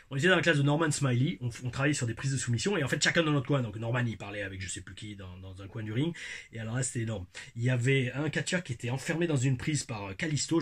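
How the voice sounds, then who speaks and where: A man's voice: medium pitch, breathy edge. A young adult man chatting casually on his vlog as a wrestling show reviewer, telling stories in slang with a rambling manner and many restarts. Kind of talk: casual vlog chat and storytelling.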